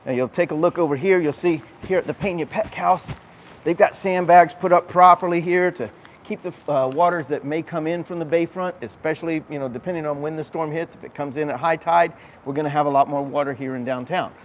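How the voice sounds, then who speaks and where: A man with a fairly high-pitched voice talks a little fast as he hosts a live walking tour on town streets. He is conversational and explanatory, pointing things out, over a noisy urban outdoor background.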